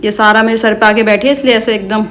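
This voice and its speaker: Bright, sing-song woman talking to her parrots. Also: on the high side, fairly even intonation, fast talker. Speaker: pet vlogger. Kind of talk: casual vlog narration. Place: indoors at home. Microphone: phone held in hand.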